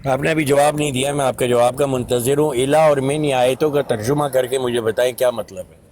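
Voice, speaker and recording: A man's voice: medium pitch, steady tone, darkish tone. A man in an online debate who insistently repeats his challenge and demands an answer, speaking over a video call.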